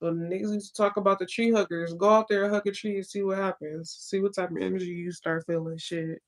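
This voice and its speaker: A woman's voice: medium pitch, fairly even intonation, quick pace. A woman co-hosting a casual podcast chat, telling stories in a laid-back, profane, slangy way. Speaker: co-host.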